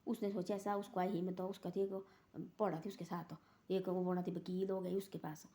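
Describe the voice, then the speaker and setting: Woman rambling through a moral story, keeps saying "she said", flat even voice. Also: on the low side, moderate pace. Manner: rambling, repeats "bole" between quoted lines. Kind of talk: casual moral story telling.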